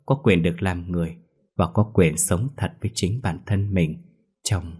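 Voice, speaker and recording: A man narrates a ghost story in a low, husky voice. He tells it slowly and mournfully, in a steady storytelling manner.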